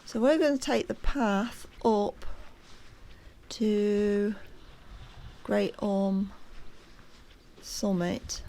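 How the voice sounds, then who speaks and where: A walking vlogger talks her way across a hillside in a dark, medium-pitched voice, very slowly and with frequent pauses. Her casual narration is chatty but hesitant, full of ums, and the climbing leaves her out of breath at times.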